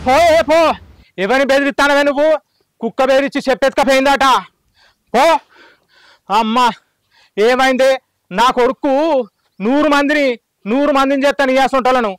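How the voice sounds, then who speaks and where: A man with a Telangana accent playing a sharp-tongued old village mother-in-law who taunts and scolds. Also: very high voice, steady tone, normal speed, pauses often, clean tone, no echo. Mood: scolding. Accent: Telangana Telugu. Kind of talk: village comedy skit acting.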